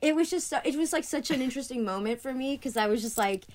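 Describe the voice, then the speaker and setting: A young woman from Annapolis, Maryland, USA, who grew up speaking Greek, joins a podcast by remote call from home for a casual conversational interview. Her voice sits high and fast, chatty with many "like" fillers, and she turns animated when retelling events.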